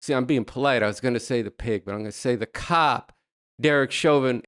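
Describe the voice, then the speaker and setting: A man's voice: mid-range voice, fairly quick, a bit bright, clear, resonant tone, no room sound, clean studio sound. A man hosting a political podcast, blunt and sardonic, breaking into asides before handing over to a guest. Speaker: podcast host. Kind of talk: political commentary.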